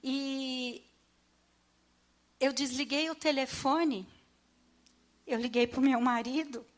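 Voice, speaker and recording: Standing before a church congregation, a middle-aged Brazilian woman shares a personal testimony in a fairly high voice. The account comes out emotional and halting, with restarts and pauses as she relives those moments, though her intonation stays fairly even.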